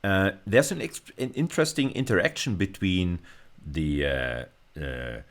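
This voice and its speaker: In an informal screencast, a bass-voiced man gives a university-level lecture. His explanations come hesitantly, and he keeps repeating and rephrasing himself.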